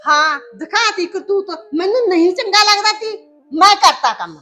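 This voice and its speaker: Woman acting as nasty greedy stepmom, really high bright voice, all taunts and jabs. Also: normal speed. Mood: scornful. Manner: taunting, quarrelsome. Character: scheming greedy stepmother, sharp-tongued and scornful. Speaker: actor in a short film. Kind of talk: village family drama acting.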